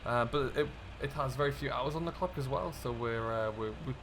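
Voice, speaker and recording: With a mid-range, fairly bright voice, a British gaming video host talks fairly quickly while playing a farm contractor. He gives casual commentary, chatting and reasoning aloud mid-task, against distinct vehicle and ambient noise.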